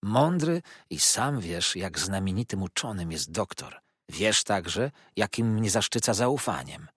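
A man voicing a gentle, eccentric older gentleman in a storybook reading, speaking slowly and earnestly. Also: deep voice, sing-song, slightly rough, no echo, studio quality, heavily acted. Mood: confiding.

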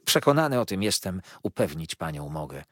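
A man voicing a pompous, tearful, middle-aged gentleman with grandiloquent, flowery speech and emotional outbursts. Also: deep voice, big pitch swings, a little fast, no room sound, studio quality.

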